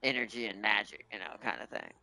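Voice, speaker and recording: A man's voice: lowish voice, lively intonation, quick pace, vocal fry, pushed and bright, poor audio. A man hosting a gaming video with casual, rambling commentary, thinking aloud as he plays. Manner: rambling, thinking aloud about game lore.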